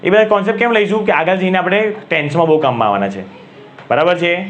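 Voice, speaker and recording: A man's voice: high-pitched, fast talker, faint music behind. A man with a Gujarati accent teaching English grammar to a class, asking questions and repeating key words.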